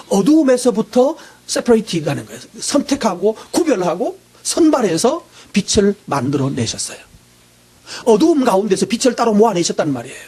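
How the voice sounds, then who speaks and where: Husky, high-pitched male pastor preaching. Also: darkish tone. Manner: asks the congregation questions and answers them himself; clears his throat often. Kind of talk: sermon.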